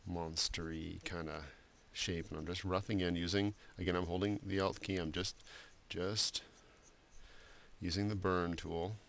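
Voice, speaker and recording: Man, tutorial instructor, very low gravelly voice, bright edge, faint hiss behind. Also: a little slow. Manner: relaxed, rambling, many fillers and restarts. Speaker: art instructor. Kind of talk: screen-recorded software tutorial.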